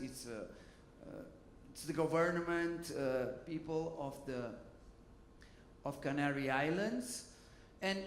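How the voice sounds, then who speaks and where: A man's voice: fairly high pitch, echoey room, slight background noise. A man, speaking informally on a conference panel and often adding "you know" and "okay". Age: 50s. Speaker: hotel innovation panelist. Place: conference hall.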